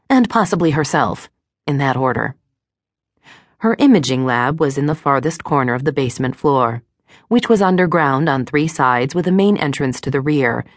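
A woman narrates a thriller audiobook in a low voice. Her reading is measured and even. The studio sound is dry and close. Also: dry recording. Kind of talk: scripted narration. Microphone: studio microphone.

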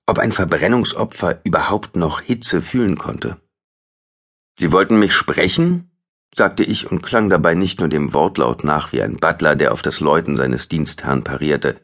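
A man narrating a thriller audiobook with an expressive, dramatic reading. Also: rumbling low.

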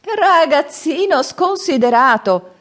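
Woman doing a creaky-old-guy voice, high and stretched out, storybook elder. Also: lively intonation, normal speed, close to an everyday voice. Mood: mocking. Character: old man with a staff, warning and boastful.

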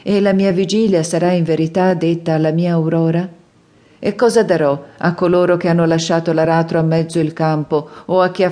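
A woman voicing a male prophet's inner speech in an audiobook, solemn and measured. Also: fairly low pitch, dark tone, close to an everyday voice. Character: male prophet, solemn and wistful, departing a city.

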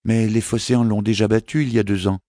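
A worried little boy prince, as a male audiobook narrator puts him on, asking soft, pleading questions. His voice is lifted well above the narrator's own low register. The room around him is dry and close. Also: steady tone, fast, no echo, lightly acted. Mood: anxious. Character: young boy prince, anxious and earnest.

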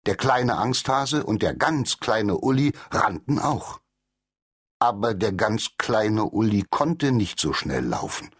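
Male audiobook narrator for kids' stories, unhurried, husky tone, lively pitch. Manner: animated storytelling with character voices. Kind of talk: children's storybook narration.

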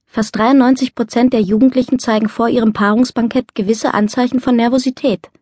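Woman reading a calm, self-assured teenage boy. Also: a little high, brisk, no room sound, clean studio sound, close to an everyday voice. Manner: gentle, reassuring.

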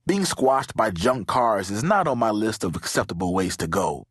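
A man voicing a jumpy, self-protective twelve-year-old boy who talks loud and excitable. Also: on the low side, normal speed, slightly rough, no echo, studio quality. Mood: wary.

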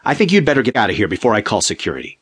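A man voicing a tall man who protests quickly and nervously at an intruder. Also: lowish voice, huge pitch swings, a bit bright, breathy edge, exaggerated voice. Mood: flustered. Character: tall young man, alarmed and defiant.

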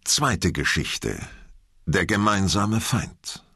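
A male audiobook narrator reading in a measured, expressive way. His voice is very deep, gravelly and husky, with a lively melody. The sound is dry and close. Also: dry recording. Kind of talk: scripted narration.

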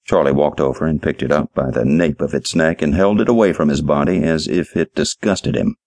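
A man narrating a short story in an audiobook, reading in a measured storytelling manner. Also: rumbling low, a little mellow, no echo, studio quality. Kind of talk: scripted narration.

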